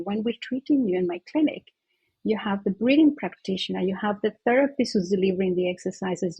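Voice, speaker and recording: A woman therapist, a guest in an interview, telling an earnest, animated anecdote in conversation. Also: mid-range voice, gravelly, slightly rough, dry recording, poor audio.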